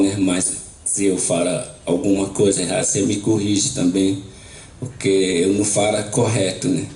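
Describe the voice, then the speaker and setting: Slow, gravelly man in an echoey hall. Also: low-pitched, dark tone, slight background noise. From Brazil. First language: Maxakali. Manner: slow and halting, tags most phrases with a question. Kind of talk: panel talk, retelling a traditional story. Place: university lecture hall.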